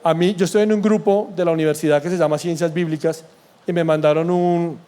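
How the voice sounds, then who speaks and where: A man's voice: fairly high pitch, fairly even intonation, a little fast, dark tone, smooth. A male pastor preaching a sermon in church, emphatic and blunt, often throwing questions at the congregation. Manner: blunt and sarcastic.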